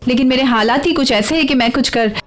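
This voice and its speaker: An actress playing a tired young office worker who sounds frustrated. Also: female voice, sits high, quick pace, close to an everyday voice. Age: young adult. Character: weary young office worker caring for sick parents.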